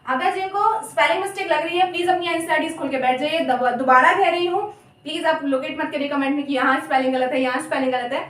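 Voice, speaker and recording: A young woman teaching biology in a chatty lecture, repeating terms slowly and apologizing often. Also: high-pitched, fairly even intonation, fairly bright tone, distant mic. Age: young adult. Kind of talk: casual Hindi lecture with mnemonics. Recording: echoey room, voice off-mic.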